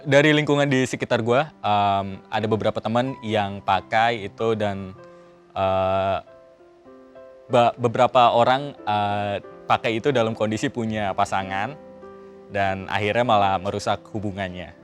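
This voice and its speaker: A man's voice: on the low side, measured pace, faint music behind. A man of twenty-one, a broadcasting student, talking casually with hesitant fillers. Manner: relaxed slangy talk with hesitant fillers. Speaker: panel guest, broadcasting student. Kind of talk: casual discussion.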